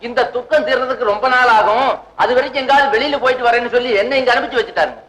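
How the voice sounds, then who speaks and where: An actor playing a polite, chatty family friend in an old film comedy. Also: male voice, extremely high pitch, very fast, bright, forceful tone. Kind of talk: 1960s film comedy acting. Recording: echoey old film soundtrack.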